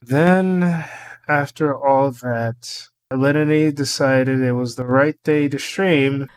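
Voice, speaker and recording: A man's voice: medium pitch, slow, clear, resonant tone. A man giving a casual, rambling commentary monologue about online drama, voicing his irritation. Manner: rambling, opinionated. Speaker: commentary YouTuber.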